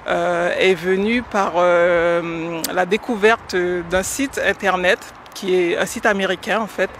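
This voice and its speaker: A woman from French Guiana in her forties, answering radio interview questions about teaching with hesitant pauses and many fillers. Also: fairly low pitch, fairly even intonation, fairly bright tone, slight background noise. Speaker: guest, educator.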